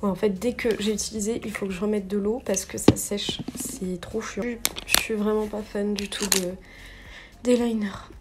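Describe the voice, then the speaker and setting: A woman's voice: medium pitch, fairly even intonation, moderate pace, very noisy. A young woman narrating her makeup step by step in a casual vlog, chatty and full of little fillers and self-corrections. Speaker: beauty vlogger.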